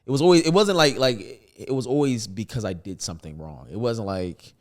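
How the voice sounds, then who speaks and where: A young man, a comedian guest on a podcast, telling joking stories in a loose, animated way that often trails off and restarts. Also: mid-range voice, a little fast. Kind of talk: casual storytelling interview.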